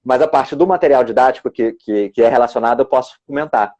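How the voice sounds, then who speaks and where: Man teacher and examiner, mellow low voice, often restarts his sentences, dull lo-fi video-call sound. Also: fast talker. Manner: thoughtful, restarts words often while explaining. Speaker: English teacher and exam examiner. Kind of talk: explaining on a live video stream.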